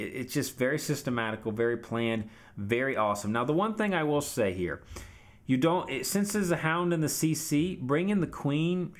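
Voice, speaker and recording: A male video game commentator gives a relaxed, chatty recap of a strategy game replay, coaching his viewers and addressing them directly. His voice sits at an ordinary middle pitch.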